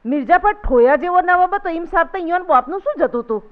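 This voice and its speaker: A woman voicing a simple, excitable village teenage boy who speaks in loud rustic dialect. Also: extremely high pitch, quick pace, pitched above the performer's own voice. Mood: excited. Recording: thin phone-like sound.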